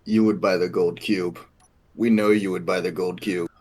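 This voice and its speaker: Deep-voiced man bantering over a game. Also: steady tone, moderate pace, a little mellow. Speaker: player in a group gaming session.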